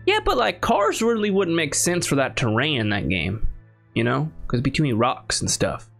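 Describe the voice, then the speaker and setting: A man's voice: mid-range voice, normal speed, vocal fry. Young guy reacting to a video, slangy and chatty, faint music behind. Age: young adult. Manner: slangy, excitable. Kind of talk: casual reaction commentary.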